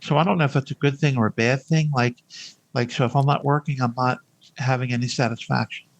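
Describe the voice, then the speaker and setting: An older man with an average-pitched voice talks in a relaxed interview style. He starts phrases over and repeats words, working out his thoughts aloud as a guest. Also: fast talker, gravelly. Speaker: podcast guest, hospice nurse. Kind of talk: conversational interview.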